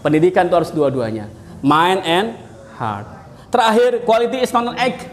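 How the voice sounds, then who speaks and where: High-voiced man lecturing a class. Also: moderate pace. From Indonesia. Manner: animated storytelling with questions to students. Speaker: university lecturer. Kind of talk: classroom lecture with jokes and anecdotes. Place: university classroom.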